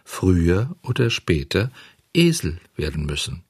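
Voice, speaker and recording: A man reading a storybook aloud, voicing a kind, solemn little marmot who speaks slowly and soothingly. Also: deep voice, big pitch swings, slightly rough, no echo, clean studio sound, full character voice. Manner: slow, soothing, lecturing.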